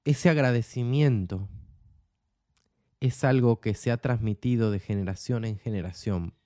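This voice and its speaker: In a dry, studio-quality recording, a young Argentine man speaks in a mellow, mid-range voice at a measured pace. As host of his own show, he gives a heartfelt monologue, driving his points home by repeating emphatic phrases.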